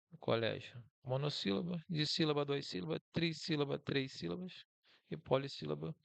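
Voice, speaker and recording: A man's voice: mid-range voice, vocal fry, no echo. A Brazilian man with a Brazilian Portuguese accent giving a casual, encouraging online lesson as a teacher, talking through slides.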